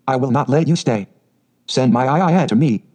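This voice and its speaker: A man voicing a cross, spoiled little girl, speaking slowly and sulkily in a storybook reading. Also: medium pitch, mellow, breathy edge, natural voice. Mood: demanding.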